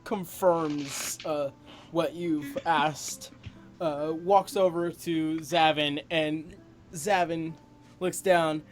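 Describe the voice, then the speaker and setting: A man narrates a tabletop role-playing game as game master, with soft music in the background. His voice is on the high side and steady in tone, but his narration is slow and halting, full of ums and uhs.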